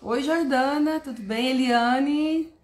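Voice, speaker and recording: Woman educator, high and lively, slow deliberate teaching, echoey room with faint hiss. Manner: animated, stretches words, greets viewers by name. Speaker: educator hosting a live class. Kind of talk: live-stream teaching talk. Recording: roomy echo, faint background noise.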